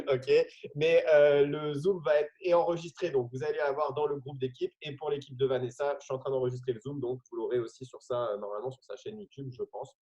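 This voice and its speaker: Man, host, video call, hesitant and joking, warm voice, dull sound. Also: medium pitch. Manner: hesitant, many fillers, jokey. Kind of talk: casual video call talk.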